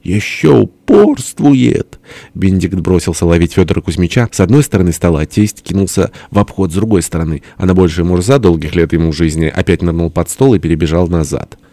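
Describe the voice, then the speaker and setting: A man reading a story aloud as an audiobook narrator, expressive and lively. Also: low voice, fast talker, few pauses, no echo. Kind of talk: scripted narration.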